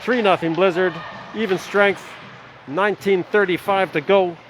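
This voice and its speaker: A middle-aged man doing amateur live play-by-play of a hockey game at an ice rink, rattling off the action and dropping in relaxed, chatty asides. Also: high-pitched, moderate pace, slight background noise. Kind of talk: amateur live sports commentary.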